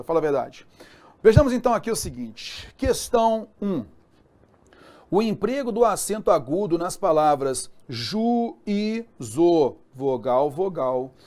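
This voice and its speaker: A man's voice: fairly high pitch, darkish tone. A man with a Brazilian Portuguese accent teaching an exam-prep grammar lesson, chatty, often checking in with his students. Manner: chatty, repeats checks like "beleza?" and "tá?".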